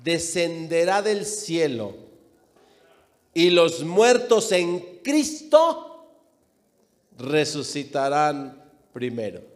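A man with a high voice preaches slowly and deliberately, leaning hard on repeated phrases. He speaks straight to his listeners as he preaches. His voice rings through a long, echoing hall. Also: expressive. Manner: emphatic, repeats phrases, addresses the congregation directly. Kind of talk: sermon.

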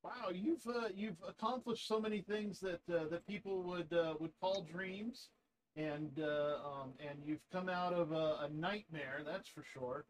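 Male host, high-pitched, halting and playful, faint noise behind. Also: poor audio. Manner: halting, frequent "uh" fillers, playful. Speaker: podcast host. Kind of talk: casual interview chat.

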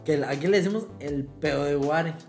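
A man's voice: on the high side, fairly quick, roomy sound, over music. A young man with a Mexican Spanish accent telling crude, slang-heavy stories in casual chat, laughing often.

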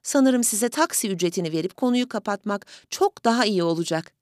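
A woman voicing a suspicious, sharp-tongued mother who answers in curt, cold, clipped lines. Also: medium pitch, lively intonation, fairly quick, no room sound, natural voice.

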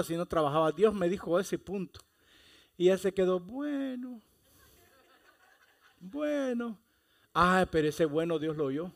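A man preaching a sermon, speaking with passion and rising to loud exhortations. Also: high-pitched. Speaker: pastor.

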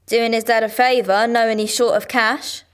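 An actress playing a sulky, sharp-tongued teenage girl solving a crime, sarcastic and offhand. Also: fairly high pitch, flat delivery, normal speed, smooth, lightly acted. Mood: reasoning. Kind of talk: radio drama acting.

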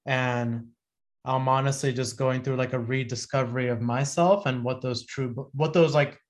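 A man's voice: mid-range voice, fairly even intonation, moderate pace. A man in his thirties, a podcast guest, talking in a reflective, rambling way full of fillers and restarts. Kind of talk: casual conversation.

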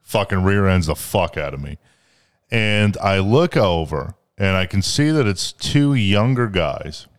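A man's voice: low voice, unhurried. A man in his twenties on a podcast, casually telling a long story with plenty of swearing and rambling asides. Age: 20s. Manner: profane, rambling, animated retelling. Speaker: podcast co-host.

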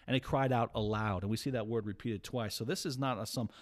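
A man's voice: medium pitch, steady tone, fast. A man talking casually and earnestly as a Bible teacher, walking through a psalm in conversation with many restarts. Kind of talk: casual Bible study chat.

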